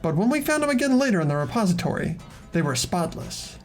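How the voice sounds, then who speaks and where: A fan performer lightly acts out an earnest teenage student detective from a video game, reading scripted game dialogue aloud. The voice swings lively in pitch while deliberately and insistently explaining evidence, with background music underneath.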